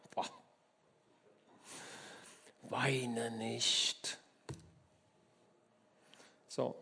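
A German man preaching a sermon, telling the story in a lively way, acting out the people in it and often asking his listeners for agreement. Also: fairly high pitch. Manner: lively storytelling, acts out voices, asks the listeners questions.

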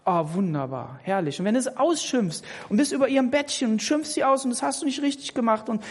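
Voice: mid-range voice, lively intonation, fast talker, slightly rough. Emphatic preacher in a reverberant church hall. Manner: emphatic, repeats words when pressing a point; addresses listeners directly as "du". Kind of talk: sermon.

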